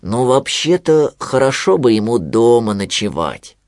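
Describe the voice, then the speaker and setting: Gentle storybook bear cub, slow, hesitant and soft-spoken, voiced by a man. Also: medium pitch, big pitch swings, no room sound, clean studio sound.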